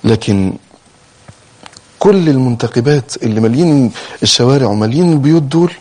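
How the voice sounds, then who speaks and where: A man's voice: mid-range voice, lively intonation, fairly quick, darkish tone. A male preacher with an Egyptian accent, delivering a fervent sermon full of pleading rhetorical questions. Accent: Egyptian Arabic.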